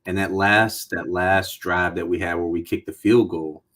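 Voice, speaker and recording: A man's voice: low-pitched, fairly even intonation, normal speed, fairly bright tone. A man co-hosting a casual postgame football podcast, plain-spoken and frustrated, often tossing in "man". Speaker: sports podcast co-host.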